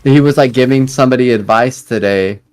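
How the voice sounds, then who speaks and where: A man's voice: medium pitch, fairly quick, a little mellow. Rambling twenty-something man on voice chat. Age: 20s. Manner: rambling, many fillers and restarts. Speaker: guild leader. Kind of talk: casual voice chat.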